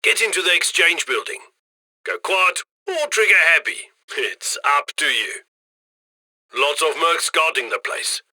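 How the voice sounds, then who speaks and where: In these video game mission lines, a man voices a chummy, cheeky mission handler steering a robbery crew, brisk and scheming and openly gleeful about loot. His voice is a little high, bright and forceful, expressive and exaggerated, delivered at a measured pace. The recording has no room sound, and his talk stays colloquial and cheerful.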